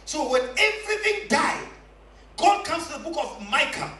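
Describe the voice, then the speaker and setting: A man preaching a sermon, calling for responses from the congregation and often shouting his points. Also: very high-pitched, very animated, normal speed, recorded from a distance. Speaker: pastor. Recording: echoey hall, voice away from the mic.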